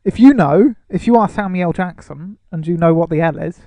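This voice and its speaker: A man's voice: sits high, moderate pace, mellow, dry recording. A man co-hosting a podcast, chatting casually with dry, teasing banter. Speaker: podcast co-host. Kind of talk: casual comedic chat.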